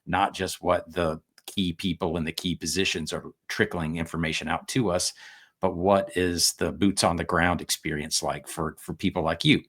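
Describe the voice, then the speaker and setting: A man hosts an interview over a video call. His voice is very deep, and he speaks in a measured, earnest way with the odd stumble. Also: fairly even intonation, a bit bright. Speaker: interview host, channel owner. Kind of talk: casual interview.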